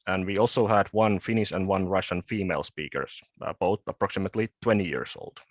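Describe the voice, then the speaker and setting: A low-voiced man gives an academic conference presentation of his research, speaking haltingly with frequent repeated words and restarts. There's no room sound in the recording.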